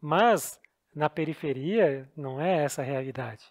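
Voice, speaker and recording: A Brazilian man with a Brazilian Portuguese accent co-hosts a podcast, telling travel stories in a casual chat. His voice sits on the high side and he speaks unhurriedly, in an earnest, explanatory and self-deprecating way.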